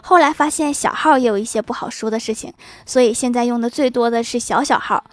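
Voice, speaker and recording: A woman's voice: a little high, quick pace, no echo. Dry-voiced woman telling jokes. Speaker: narrator of funny anecdotes. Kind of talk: reading funny anecdotes aloud.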